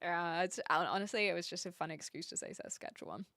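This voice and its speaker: A woman's voice: fairly low pitch, fast talker, bright, forceful tone, no room sound, studio quality. A woman with a mild New Zealand accent chatting casually to livestream viewers in a playful, self-deprecating way. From New Zealand, Hamilton. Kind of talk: casual livestream chat, reading and answering viewer comments.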